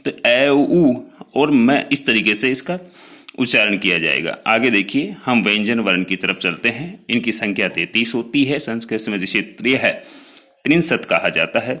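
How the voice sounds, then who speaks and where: A man teaching a lesson, explaining slowly, sounding out each letter one by one and talking straight to his students about his written notes. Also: fairly low pitch, expressive, sharp tone. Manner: addresses students directly, pointing to written notes. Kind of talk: classroom lecture.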